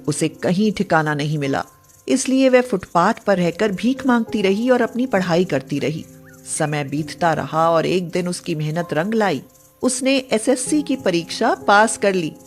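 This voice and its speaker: A woman narrating a moral story in calm, steady scripted narration. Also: on the low side.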